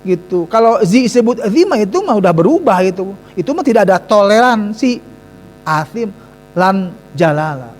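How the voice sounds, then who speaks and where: A man with a Sundanese accent teaching Quran recitation casually, slowly drawing out recited phrases and repeating syllables to correct pronunciation. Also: high voice, very animated. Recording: long hall reverb, faint mains hum.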